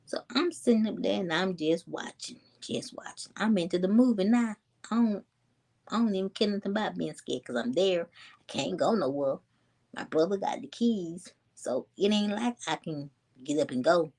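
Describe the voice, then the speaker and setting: A woman, casually telling a story to her viewers in a chatty, animated way. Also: on the low side, normal speed. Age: 20s. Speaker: vlogger.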